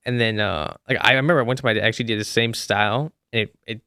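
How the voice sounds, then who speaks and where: A man's voice: lowish voice, fairly even intonation, fast, bright, forceful tone, smooth, dry recording, studio quality. A young man in casual podcast chat, telling a story with lots of fillers and restarts. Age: young adult. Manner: rambling, many fillers and restarts.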